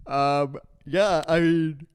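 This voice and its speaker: A man's voice: a little high, steady tone, extremely slow, clear, resonant tone, no room sound, clean studio sound. A young man co-hosting a podcast, joking and skeptical in a tired, laid-back way. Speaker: podcast co-host. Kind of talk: casual chat.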